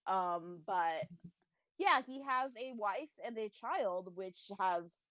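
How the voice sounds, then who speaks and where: A woman talks with a lively, swooping pitch and eager asides. Her voice comes through dull, lo-fi call audio with a dry sound. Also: slow pace, no room sound. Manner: animated, eager, full of asides. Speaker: cast member on the call. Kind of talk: casual chat. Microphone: video call microphone.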